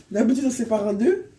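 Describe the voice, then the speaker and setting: A hoarse, middle-aged woman from Guadeloupe chatting casually in a vlog, rambling and often wrapping up her points. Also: on the high side, dark tone. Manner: chatty and rambling, often sums up with "donc voilà". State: hoarse from illness. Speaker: vlogger.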